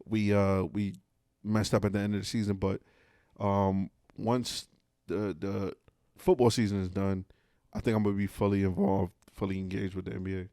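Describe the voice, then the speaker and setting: A man with a somewhat low voice chatting about sports. He stops and restarts often and leans on fillers. The recording is dry and close. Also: little pitch movement, warm tone, no room sound. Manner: halting, filler-heavy, easy laughter. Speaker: podcast co-host. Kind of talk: casual sports chat.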